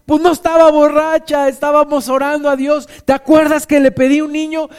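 A preacher doing an excited young mom in a raised, bright voice, eager and grateful. she sounds bouncy and thankful, pitching way up above his usual talk. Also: brisk. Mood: joyful. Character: joyful grateful young mother offering her son.

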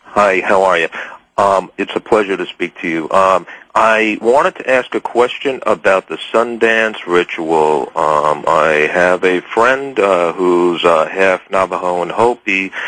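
A man from the Bronx calls in over a phone line. His voice sits deep and low, and the line sounds dry and close. He asks his question politely and hesitantly, with frequent ums and uhs. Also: a bit bright, dry recording. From Bronx, New York. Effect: heard over a phone line. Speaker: radio call-in caller.

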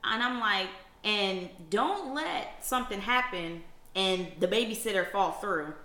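Bright-voiced woman telling a story. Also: medium pitch, measured pace, roomy sound. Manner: animated storyteller, talks straight to listeners. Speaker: co-host. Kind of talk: candid couple chat to an audience.

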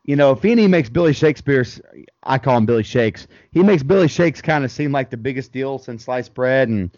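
A man co-hosting a casual podcast chat about a sitcom episode, relaxed and laughing often, calling his friend "man" and "dude". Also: medium pitch, normal speed, no room sound, highs cut off. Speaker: podcast co-host.

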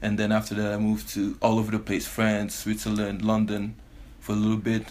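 A relaxed man with a fairly low voice, guesting on a casual podcast. He grew up in Belgium and Canada and talks easily, breaking into laughter often. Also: fairly quick. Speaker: professional basketball player, guest. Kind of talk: casual interview.

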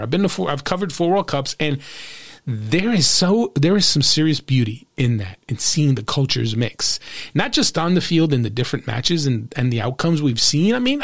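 Animated, emphatic male podcast host. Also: a little high, vocal fry. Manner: emphatic and sarcastic, with frequent restarts. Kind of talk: opinionated soccer commentary.

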